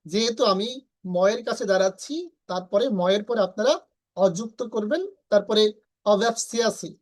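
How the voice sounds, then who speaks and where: A woman from Bangladesh with a Bangladeshi Bengali accent, teaching verse pronunciation slowly and patiently, repeating syllables and chanting lines in a melody. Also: mid-range voice. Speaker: Gita recitation teacher.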